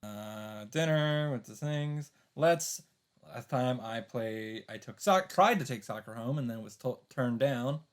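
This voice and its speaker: Reading a visual novel aloud a little slowly, a man with a mid-range, expressive voice adds offhand let's-play commentary. Game music runs behind him.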